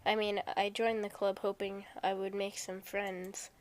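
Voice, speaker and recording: A woman playing a video game, reading a visual novel aloud as she goes. Her pace is slow and her pitch stays flat. She makes chatty, joking asides to her viewers. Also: a little hiss or hum.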